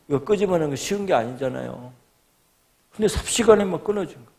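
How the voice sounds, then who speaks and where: Middle-aged pastor guy, kinda high gravelly voice, animated story sermon in a church. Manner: animated storytelling, acts out quoted prayers and voices. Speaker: guest pastor. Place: church sanctuary.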